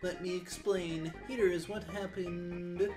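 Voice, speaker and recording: A woman's voice: lowish voice, fairly even intonation, low-quality recording. Woman voicing an old wise mentor frog, formal and patient. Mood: sage, patient. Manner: measured, formal wise-mentor delivery with questioning tags. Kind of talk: dramatised video game dialogue reading. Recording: music behind the voice. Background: plucked-string game music.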